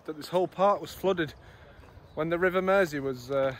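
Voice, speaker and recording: A man's voice: fairly high pitch, normal speed, a little hiss or hum. A middle-aged man chatting enthusiastically while leading a friend on a riverside park walk, recorded on a camera mic outdoors. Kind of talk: casual walking chat.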